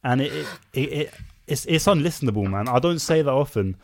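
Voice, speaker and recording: A man's voice: medium pitch, animated, fairly quick, creaky, a little mellow. A man bluntly criticizing songs in casual podcast chat. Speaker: album reviewer.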